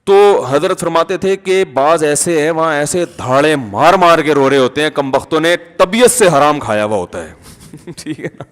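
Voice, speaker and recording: A man's voice: fairly high pitch, lively intonation. A male religious scholar giving a conversational sermon, with humor and asides. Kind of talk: Urdu sermon. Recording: long hall reverb.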